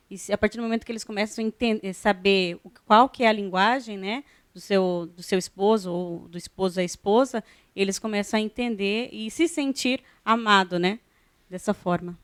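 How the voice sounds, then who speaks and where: A woman's voice: medium pitch, fairly quick, smooth, no echo. A woman with a Brazilian Portuguese accent, a guest on a church TV talk show, speaking conversationally. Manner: conversational, frequent "né" tags. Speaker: guest, pastor's wife. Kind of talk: church TV interview.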